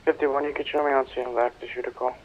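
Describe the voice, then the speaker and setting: A man making brisk, clipped police radio calls as an officer in a roleplay game. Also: mid-range voice, little pitch movement. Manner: clipped, brisk call-sign codes. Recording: muffled radio with faint hiss.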